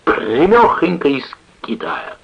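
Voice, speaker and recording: A man voicing a huge drunken sailor who bellows in a slurred, drawn-out way, on an old lo-fi radio recording. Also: medium pitch, very animated, husky, pitched above the performer's own voice, heavily acted. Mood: drunk, bellowing.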